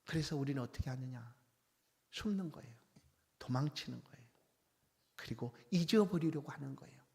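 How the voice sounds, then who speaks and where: A male pastor preaching a sermon, swinging from hushed whispers to loud, impassioned outbursts. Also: mid-range voice, expressive, normal speed, gravelly. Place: church sanctuary. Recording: long church hall reverb.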